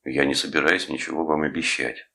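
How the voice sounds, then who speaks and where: Man reading as defiant teen boy, curt replies, very low gravelly voice; audiobook. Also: lively intonation, normal speed, pushed and bright, exaggerated voice. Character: sullen stubborn teenage boy.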